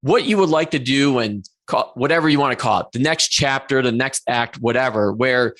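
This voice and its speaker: Medium in pitch, fairly quick and fairly bright, a forty-something podcast host chats through an interview with sincerity, frequently self-correcting mid-sentence.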